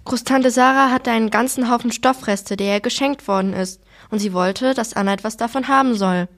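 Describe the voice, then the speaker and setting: A woman's voice: on the high side, brisk, vocal fry. A woman reading aloud, voicing a worried mother who pleads and argues with her husband in a children's novel. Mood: careful.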